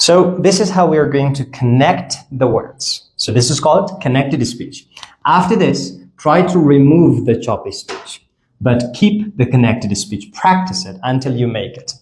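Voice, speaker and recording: A man's voice: mid-range voice, animated, darkish tone, roomy sound. A man teaching English to a class, explaining step by step and repeating each example phrase several times. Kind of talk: classroom language lesson.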